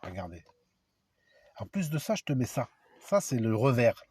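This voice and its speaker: A man's voice: mid-range voice, big pitch swings, moderate pace, a little mellow, husky. A man giving an informal spoken lesson to viewers. He talks emphatically and provocatively, spells out letters and sounds one by one, and speaks straight to his audience. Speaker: video lecturer. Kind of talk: informal explanatory monologue to viewers.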